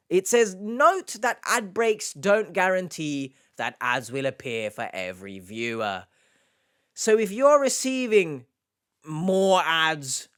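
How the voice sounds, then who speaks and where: A man with a smooth, clear voice set a little high talks at an unhurried pace. He reads comments out sarcastically and replies with mock indignation, casually putting himself down in a dry comedic way. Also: pushed and bright. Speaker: YouTube host reading out and answering hate comments.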